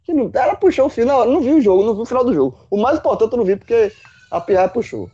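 A man, a football pundit in casual chat, animated, swearing and full of folksy analogies. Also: very high voice, racing, husky, lo-fi sound. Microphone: remote call.

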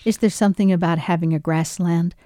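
A woman's voice: on the low side, steady tone, brisk, warm tone. Curious American woman hosting radio science. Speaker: radio science show host. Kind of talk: scripted radio narration and interviewing.

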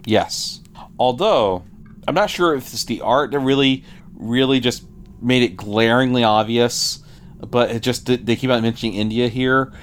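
A man's voice: mid-range voice, a little slow, a little hiss or hum. A man co-hosting a comic book podcast, reading out the credits and plot of an issue, then chatting casually about it. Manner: reads issue credits and plot recap, then chats with many fillers and repeats. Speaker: podcast co-host.

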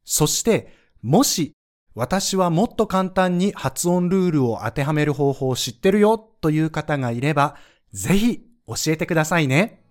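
A man's voice: fairly high pitch, animated, normal speed. A man teaching French pronunciation in a scripted lesson, explaining the rules patiently and spelling out sounds one by one.

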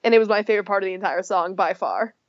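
Young woman co-host, animated and giggly, dry lo-fi mic. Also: medium pitch, rapid-fire, no echo. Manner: laughs often, animated, quotes lines in put-on voices. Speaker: podcast co-host. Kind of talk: casual chat. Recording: dry, dull lo-fi sound.

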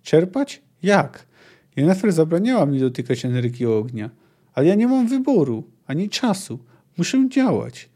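A man reading a desperate teenage girl sorceress, bitter and feeling betrayed, with pleading lines that rise to shrill cries. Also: sing-song, moderate pace, dark tone, slightly rough, heavily acted. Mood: anxious.

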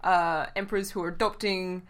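A woman's voice: lowish voice, steady tone, a little fast. A woman co-hosting a podcast as a historian, talking enthusiastically in casual chat with playful asides.

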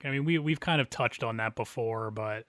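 A man's voice: mid-range voice, moderate pace, fairly bright tone, dry recording. A man co-hosting a podcast about community theater in casual chat, laughing often and restarting phrases. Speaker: podcast co-host.

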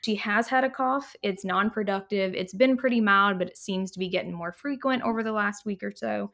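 Woman going over a medical case, kinda gravelly voice, calm and methodical. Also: medium pitch, a little fast. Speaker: case presenter.

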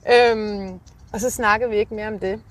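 A woman with a slightly husky voice, telling a candid personal story in an interview in a hesitant, searching way with casual swearing. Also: mid-range voice, steady tone. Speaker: interview guest telling of own alcoholism.

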